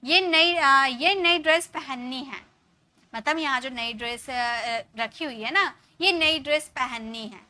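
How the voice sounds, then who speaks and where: A young Indian woman teaching a live spoken-English class, explaining in Hindi and slowly spelling out English example sentences. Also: high voice, pushed and bright.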